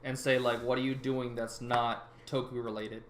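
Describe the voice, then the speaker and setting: A man's voice: mid-range voice, little pitch movement, normal speed, a little hiss or hum. A man hosting a casual podcast chat, joking and boastful, swearing freely. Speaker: podcast host.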